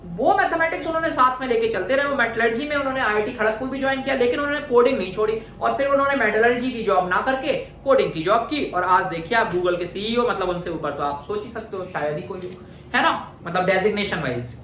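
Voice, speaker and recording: High-voiced woman teaching in an echoey room. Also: a bit bright, a little hiss or hum. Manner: frequent rhetorical questions and check-ins; patient, deliberate teaching tone. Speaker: career counselling educator. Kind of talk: explanatory talk to camera. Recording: echoey room with faint ambience.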